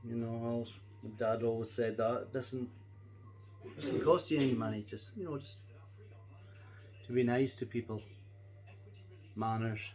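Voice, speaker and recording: A man's voice: mid-range voice, steady tone, measured pace, pauses often, darkish tone. A middle-aged or older Scottish man chatting casually to camera, reminiscing in a rambling, folksy and reflective way. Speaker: pipe-smoking vlogger.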